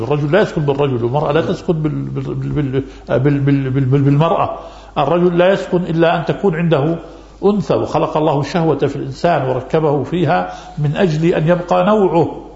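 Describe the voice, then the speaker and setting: A male religious scholar answers listeners' questions at a rapid pace in a rather high voice. He repeats key phrases to drive his points home. The recording is roomy and dull, like lo-fi audio of a lesson. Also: gravelly, darkish tone.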